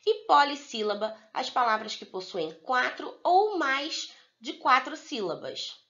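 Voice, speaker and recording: A Brazilian woman teaching young pupils in a recorded video lesson, slowly spelling out words for the children. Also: high-pitched, big pitch swings, bright, forceful tone, highs cut off. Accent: Brazilian Portuguese. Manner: slow, drawn-out word-by-word dictation for young pupils. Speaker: primary school teacher.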